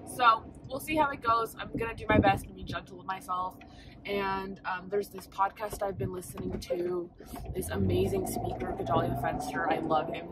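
A young woman in her twenties chats to a handheld camera as she goes about her day, talking quickly and cheerfully with lots of little fillers. Her voice sits at an ordinary middle pitch. Clear street noise and passing traffic run behind her. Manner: chatty, upbeat, filler-heavy. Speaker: book vlogger. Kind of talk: casual vlog chat. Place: outdoors on city streets and in shops.

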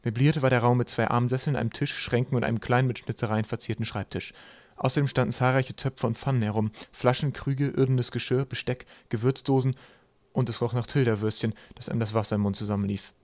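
A man reading an audiobook aloud in steady, even storytelling narration. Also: medium pitch, quick pace, no room sound.

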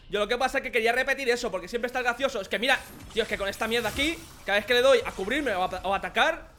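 A young man with a Spain Spanish accent, joking and shouting excitedly as he commentates a video game. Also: very high voice, a little hiss or hum. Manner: excitable, jokey, shouts at enemies. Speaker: gaming commentator. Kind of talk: let's play commentary.

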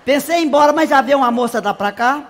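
Man doing a shrill country gossip woman. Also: fast talker, fairly bright tone, big-room sound. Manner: gossipy storytelling with shrieks and comic exaggeration. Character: brash rural middle-aged woman, chatty and dramatic. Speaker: stage comedian. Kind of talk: live stand-up character monologue. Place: live stage show.

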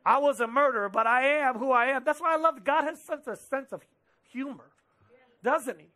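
High, bright-voiced young pastor preaching. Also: male voice. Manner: animated, gesturing preacher with quick quoted asides. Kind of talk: sermon. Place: church stage with drum kit behind, indoors.

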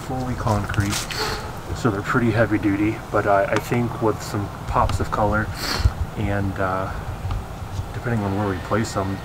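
An upbeat young man chats his way through a house renovation in a casual vlog, scattering fillers as he goes. He is recorded on a handheld camera at arm's length, with his voice bouncing around bare, echoey rooms. A clear hum of background noise runs under everything. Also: on the low side. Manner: upbeat, chatty, with frequent fillers. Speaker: home renovation vlogger. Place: house under renovation and its yard, indoors and outdoors. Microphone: handheld camera held at arm's length.

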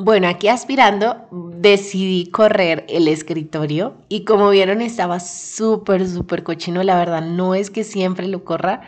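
A woman's voice: lowish voice, fairly even intonation, moderate pace, hardly any pauses, a little hiss or hum. A woman in her thirties narrating a home cleaning vlog in a chatty, friendly voice-over, full of fillers. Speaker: vlogger.

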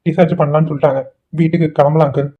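A man plays a kind young man in a cartoon, calming an older man with a gentle, slightly high voice. The audio is tinny and phone-like. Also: racing, breathy edge. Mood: reassuring. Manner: gentle, reassuring. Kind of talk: Tamil cartoon voice acting.

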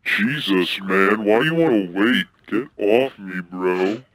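A man chatting casually as he streams a game on a headset, halting and prone to swearing. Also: fairly low pitch, expressive, fairly bright tone, no echo. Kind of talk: casual gaming chat.

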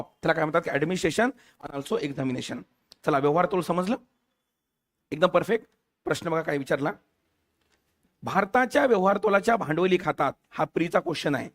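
A high-pitched male teacher lectures for competitive exams, firing questions at his students and mixing English terms into what he says.

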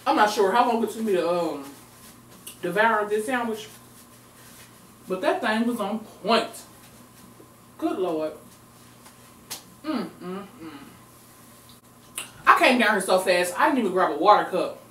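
Speaking in an animated, slightly bright mid-range voice at a measured pace with frequent pauses, a young mukbang vlogger chats expressively as she eats on camera at home. Her casual talk and murmured eating sounds reach a distant camera mic, sounding echoey and far off with a little hiss or hum.

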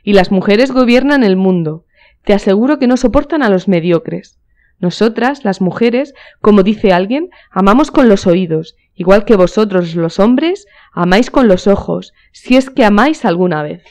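A playful duchess from a storybook who banters with a teasing, coquettish lilt, as a woman narrator reads her. The voice stays warm and mellow. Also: mid-range voice, lively intonation, moderate pace, close to an everyday voice. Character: playful flirtatious aristocratic duchess.

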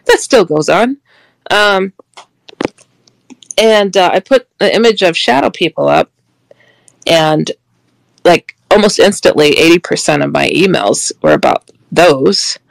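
A woman guest telling paranormal stories in an animated way, acting out the dialogue she quotes. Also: fairly low pitch, measured pace, vocal fry, long pauses, no echo, low-quality recording. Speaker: paranormal researcher and author, guest. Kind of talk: candid storytelling interview.

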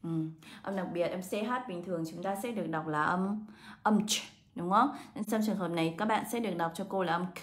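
A woman English teacher, walking students through exam answers step by step and slowing down to read English words aloud. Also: lowish voice. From Vietnam. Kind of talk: exam answer walkthrough lesson.

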